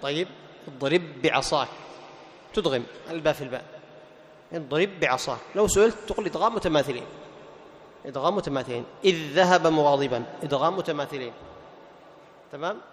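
A male Quran teacher explaining tajweed rules to a class. He asks questions, answers them himself, repeats the key terms and slows down to recite the verse examples. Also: a little high, lively intonation, a little hiss or hum. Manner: recites verses slowly and melodically. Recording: long hall reverb.

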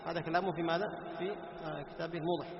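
A man's voice: fairly high pitch, steady tone, very fast. A man teaching a class on Quran recitation, asking his students questions, answering them himself and repeating key phrases. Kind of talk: classroom lecture. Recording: echoey hall with dull lo-fi sound and background noise.

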